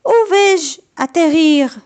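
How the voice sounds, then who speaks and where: A woman voicing Patapon, a small eager male helper, in a storybook reading, with high, excited exclamations. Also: measured pace, exaggerated voice. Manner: high bright excited squeals.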